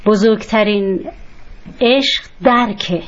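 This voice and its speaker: A woman hosting a phone-in radio interview, asking questions slowly and politely. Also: mid-range voice, a little hiss or hum. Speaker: radio host. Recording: slightly dull radio sound.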